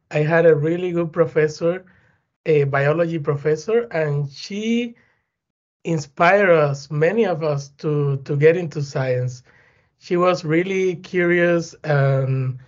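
A man, answering interview questions as a guest in an earnest, halting way with many fillers. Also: a little high, a little mellow. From Cuba. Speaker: guest, plant pathology professor. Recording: dull lo-fi sound.

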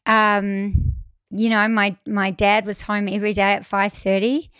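A woman in her forties, a guest in a casual conversation, who talks in a chatty, expressive way, laughs often and acts out the voices she quotes. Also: mid-range voice, a little slow, clean tone, no echo. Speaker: podcast guest.

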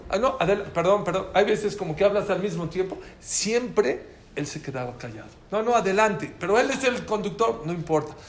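A man with a Mexican accent giving a lively talk to an audience, asking them questions as he goes. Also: high-pitched, a little fast, hardly any pauses. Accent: Mexican Spanish. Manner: animated, asks the audience questions. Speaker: lecturer giving a talk on listening. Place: room with a live audience. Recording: echoey room with faint ambient noise.

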